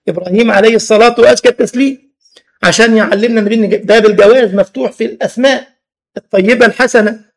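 An Egyptian man with an Egyptian Arabic accent preaches a religious lesson, animated and full of humorous stories, rhetorical questions, and laughter at his own tales. His voice sits high and has a creaky quality.

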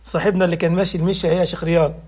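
A man's voice: high voice, flat delivery, racing, darkish tone, breathy edge. A man with an Egyptian Arabic accent, giving a humorous religious talk as a preacher and laughing through his jokey anecdotes.

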